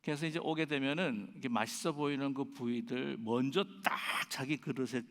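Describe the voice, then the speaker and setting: A man's voice: medium pitch, brisk. A male pastor telling a story in a conversational sermon, with many fillers and now and then acting out the people he quotes. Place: large church sanctuary. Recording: church livestream with long reverb and faint music.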